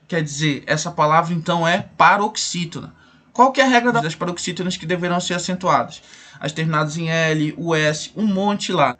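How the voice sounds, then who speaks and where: High-voiced Brazilian teacher explaining grammar. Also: male voice, a bit bright. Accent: Brazilian Portuguese. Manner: asks rhetorical questions and answers them, repeats rules. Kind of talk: recorded grammar lesson.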